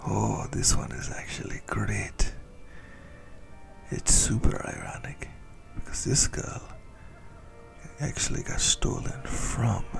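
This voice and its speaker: Breathy and gravelly, a man's lowish voice whispers as a possessive vampire lover of many centuries in an ASMR roleplay. The exaggerated delivery is smugly menacing yet intimate, and his mood comes across as amused.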